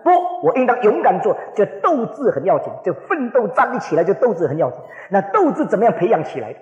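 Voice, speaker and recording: Animated preacher man in echoey hall. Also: high-pitched, fast, dull audio. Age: 40s. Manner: animated storytelling, acts out quoted voices. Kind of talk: sermon. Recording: echoey hall with long reverb.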